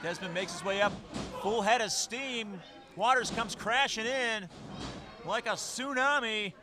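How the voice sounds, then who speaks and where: A man calling live play-by-play as a wrestling commentator, with excitable, exclamatory delivery. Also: high voice, a little slow. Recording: loud event crowd and music behind. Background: crowd and music.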